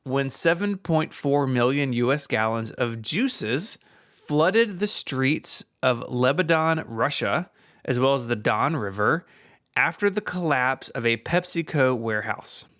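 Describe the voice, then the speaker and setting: A man's voice: mid-range voice, measured pace, no echo. Laughing male podcast co-host, dry sound. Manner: laughs often, relaxed banter. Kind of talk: casual podcast chat and ad read.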